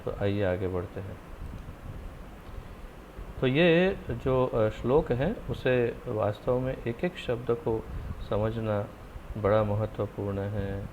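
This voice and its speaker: A man's voice: lowish voice, takes it slowly, pauses often, darkish tone. A man teaching an online scripture class, firm and encouraging as he corrects and urges his students. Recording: muffled online call audio with faint noise.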